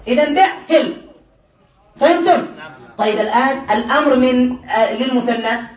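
A male teacher giving a classroom grammar lesson, explaining step by step and often laughing as he checks whether students follow. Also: very high-pitched. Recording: echoey room, mic far away.

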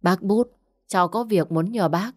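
A woman's voice: medium pitch, a little slow, darkish tone, no room sound, clean studio sound, lightly acted. A woman voicing a poor young village girl who speaks politely and pleads. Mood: pleading.

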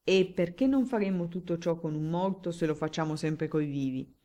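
A wary young baron who gives short, dry, evasive answers, as a woman reading the novel speaks for him. The voice is low for a woman and close to her plain reading tone. The delivery stays reserved and clipped, an audiobook character. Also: moderate pace, mellow, lightly acted. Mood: guarded. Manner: terse and dryly evasive. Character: guarded young male baron, evasive and wry.

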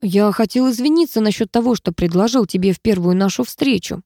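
Lady reading a blunt young noble student guy, frank, mellow dark tone. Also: medium pitch, a little fast, no echo, clean studio sound, lightly acted. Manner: blunt, plain-spoken confessions.

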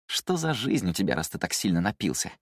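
A man's voice: low voice, big pitch swings, fairly quick, no room sound. A man voicing a stern young male swordsman who speaks dryly and curtly. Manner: dry, curt.

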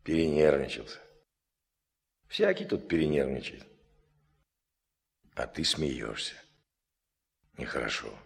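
An actor playing a calm, gruff middle-aged camp PE instructor in a radio drama, commanding and drily joking. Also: male voice, extremely low pitch, slow, pauses often, exaggerated voice. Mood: reproachful. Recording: long reverb on the voice.

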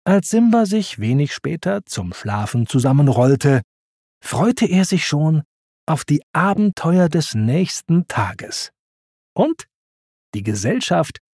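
A narrator reading a children's storybook aloud in a slow, expressive manner on a close studio mic. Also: mid-range voice, no room sound.

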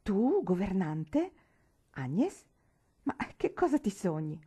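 A woman's voice: medium pitch, normal speed, mellow, pitched above the performer's own voice, natural voice. A woman voicing an incredulous elder sister who doubts her younger sibling, in a read-aloud novel. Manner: incredulous, teasing.

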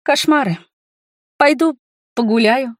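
A woman voicing a lively, impulsive young woman friend who speaks with eager, teasing exclamations in an audiobook. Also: high-pitched, no echo, clean studio sound, pitched above the performer's own voice. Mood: insistent. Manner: excited, teasing, quick to exclaim. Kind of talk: audiobook character voice.

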